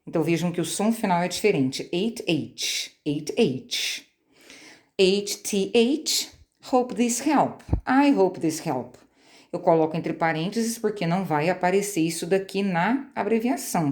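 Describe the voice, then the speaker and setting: A woman's voice: on the low side, a little mellow. A Brazilian woman teaching an online English lesson, explaining patiently, spelling out letters and checking in with frequent tag questions. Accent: Brazilian Portuguese. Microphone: phone screen recording.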